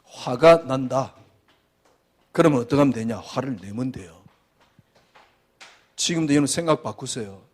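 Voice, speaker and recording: A male pastor preaching a sermon emphatically, firing rhetorical questions and swinging between loud and hushed delivery. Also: mid-range voice, moderate pace, long pauses.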